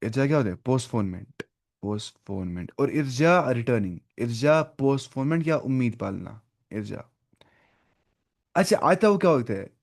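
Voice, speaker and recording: A man's voice: medium pitch, lively intonation, moderate pace, creaky. Man teaching Arabic, thinking aloud. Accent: Urdu-speaking. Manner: thinks aloud, looks up words, corrects himself. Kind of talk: online language lesson.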